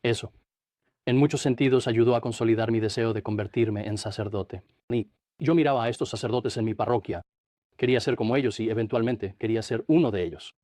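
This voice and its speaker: An older man from New Jersey, a priest and interview guest, recounting his life in a measured, reflective way. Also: medium pitch, dark tone, dry recording. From Trenton, New Jersey, USA. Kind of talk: studio interview, dubbed.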